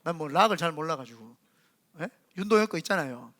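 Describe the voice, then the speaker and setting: A middle-aged Korean man, preaching a sermon as senior pastor and telling animated stories in which he acts out the voices in quotes. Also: on the high side, fairly quick.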